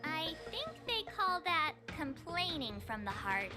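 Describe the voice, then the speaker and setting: A woman's voice: high-pitched, sing-song, measured pace. A woman voicing a cheeky, perky teenage girl adventurer in a video game, with a breezy, teasing manner. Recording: background music throughout.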